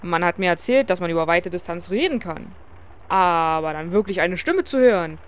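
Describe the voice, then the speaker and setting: A woman's voice: lively intonation, moderate pace, clean tone, lightly acted. Woman doing a hearty Bohemian innkeeper man. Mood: delighted. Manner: hearty, booming laughter.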